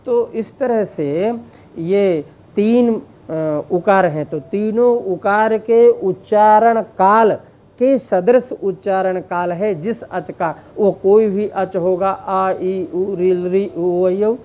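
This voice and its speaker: With a high, steady, slightly mellow voice, the Indian instructor slowly explains Sanskrit grammar, elongating vowel sounds as examples amid many fillers. High frequencies are cut off in the audio.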